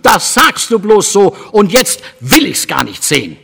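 A man reading a storybook aloud and voicing an excitable, stubborn little girl in a high, shrill, pleading tone. He sounds like he is reading in a hall with a long echo. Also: normal speed, background noise. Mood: stubborn insisting.

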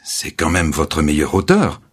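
Soothing editor guy in an audiobook story, man reading him, husky, voice lifted a bit. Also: a bass voice, wildly swooping pitch, a little slow, exaggerated voice. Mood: pleading. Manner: pleading, soothing. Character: conciliatory male editor, placating friend.

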